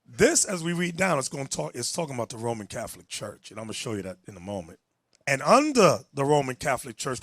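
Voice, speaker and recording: Preacher guy breaking down bible verses, punchy and emphatic, slightly high voice, dry close sound. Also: a bit bright, no room sound. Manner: emphatic, directs a reader with "go ahead". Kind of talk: street Bible teaching.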